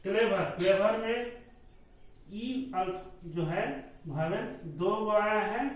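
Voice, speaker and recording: Male teacher, slow and repetitive, high voice; recorded from a distance in a very echoey room. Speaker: school teacher. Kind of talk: classroom grammar lesson. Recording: echoey room, mic far off, faint noise.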